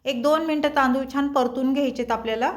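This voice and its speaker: A woman's voice: sits high, quick pace. A woman hosting a cooking channel, chatting with viewers as friends while she cooks. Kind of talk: home cooking demonstration.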